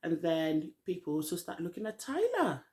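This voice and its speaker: A woman's voice: lowish voice, wildly swooping pitch, moderate pace, dark tone. A middle-aged woman talks through a reality show in a loose, rambling vlog recap. She is candid and opinionated, and she sounds a little worn out. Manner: chatty, rambling, frank opinions. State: tired, hasn't eaten. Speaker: vlogger. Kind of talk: casual TV recap commentary.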